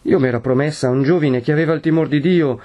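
A man's voice: mid-range voice, normal speed, dark tone, dull audio, lightly acted. A man voicing a young woman who pleads through sobs in a storybook reading. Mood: pleading, tearful. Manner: sobbing, beseeching.

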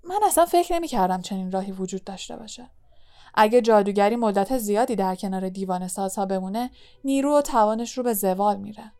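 A woman reading the part of a gentle, weary middle-aged male teacher, calm and earnest, in an audiobook. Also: medium pitch, smooth, lightly acted. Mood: hesitant. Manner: calm, earnest, comforting explanation.

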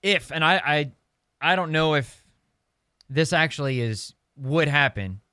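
A man's voice: a little high, expressive, unhurried, bright, forceful tone, smooth, no echo, clean studio sound. A man co-hosting a casual racing podcast, rambling with many restarts. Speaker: podcast co-host. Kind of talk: casual chat.

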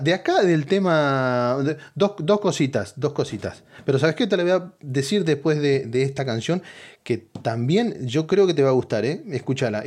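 A man's voice: a little high, a little mellow. A man with a Rioplatense Spanish accent hosting a comic mock weather report, rambling and joking with teasing asides to the listener. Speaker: host.

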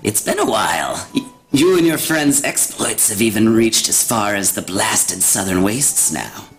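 A man's voice: lowish voice, animated, a little slow. A man voicing a scheming old hag who mocks and threatens, with cackling laughs. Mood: gloating. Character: scheming old female hag, mocking and menacing.

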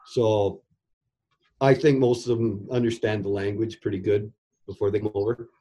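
With little pitch movement, a lowish, husky voice and a dark tone, a middle-aged former goalie coach tells rambling stories at a moderate pace. It's a casual interview, and he repeats words whenever he restarts a sentence.

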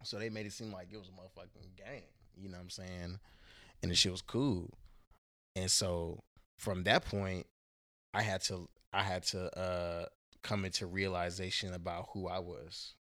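A Houston-raised man speaks as a podcast guest in a slightly low voice. His talk is casual and full of slang and cursing, and he often restarts, trails off or searches aloud for a word. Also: flat delivery, normal speed, fairly bright tone. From Houston, Texas. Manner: loose, slangy and profane, trailing off and searching for words.

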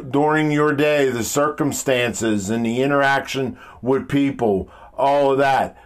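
Here a deep-voiced, powerful-sounding man gives a loose motivational monologue. Emphatic and blunt, he speaks haltingly, keeps repeating himself, and throws out rhetorical questions.

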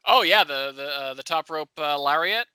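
A man's voice: fairly high pitch, normal speed, sharp tone, clear, resonant tone. A man co-hosting a podcast in casual chat, wry and sarcastic, laughing often. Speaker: podcast co-host.

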